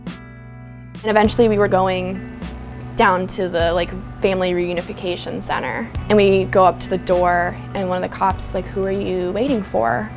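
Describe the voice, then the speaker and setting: Young woman, documentary interviewee, soft and halting, filler-heavy, music bed underneath. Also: medium pitch, fairly even intonation. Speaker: interviewee, daughter of a victim.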